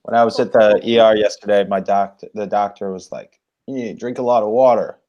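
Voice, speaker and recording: A young man with a lowish voice talks loosely as a guest on a casual online hangout. He rambles and hedges, restarting his sentences, and sounds a bit self-conscious. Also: steady tone, a little fast, warm tone, muffled recording.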